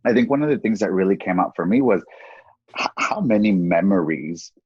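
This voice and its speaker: A man around thirty with a husky, somewhat low voice chats in a campy, loose podcast style, full of "like." The recording is dry and dull, with a dead, lo-fi sound. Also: lively intonation, a little fast, a little mellow, dry recording. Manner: campy, chatty, heavy use of "like". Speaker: podcast co-speaker. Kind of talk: casual podcast chat.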